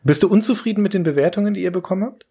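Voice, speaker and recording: A man's voice: high voice, very fast, dark tone, slightly rough. A man hosting a podcast interview, asking questions and sharing his own memories in a friendly way. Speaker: podcast host. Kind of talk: interview questions, casual chat.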